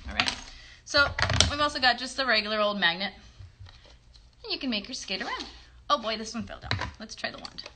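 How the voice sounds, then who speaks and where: Her voice is a little high and sing-song, brisk, with frequent pauses, and heavy background noise surrounds it. The woman, in her thirties and a children's puppet show host, casually runs a kids' craft demo from her bedroom, prompting young viewers with questions, recorded on a phone at roughly arm's length.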